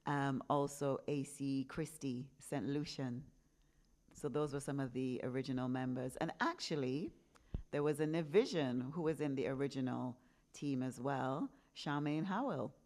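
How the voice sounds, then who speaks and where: An English woman in her fifties, a podcast host, is being interviewed and tells her own story in a candid, reflective conversation. Her voice is rumbling and low, slightly mellow, at a moderate pace.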